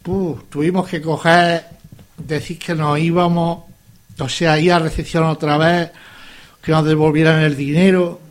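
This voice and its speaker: A man's voice: fairly high pitch, level tone, measured pace. A man hosting a casual chat, recalling a story hesitantly with repeated words. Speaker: host.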